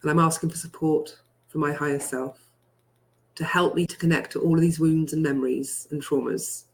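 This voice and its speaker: A healing meditation is led by a guide whose mid-pitched voice stays steady throughout. She or he speaks deliberately and repetitively in first-person affirmations, stressing and repeating the key lines. The audio quality is poor.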